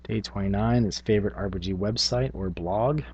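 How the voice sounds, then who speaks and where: In this lo-fi clip, a middle-aged channel host reflects informally on tabletop games, hesitating as he works through his thoughts out loud. He speaks at a moderate pace in a lowish, somewhat mellow voice with a breathy edge.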